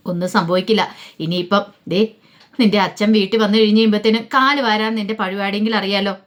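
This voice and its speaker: A woman voicing a scheming man who makes cold, menacing demands in a fast-told story recap. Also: mid-range voice, fairly even intonation, close to an everyday voice. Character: Sreekanth, a scheming, threatening brother.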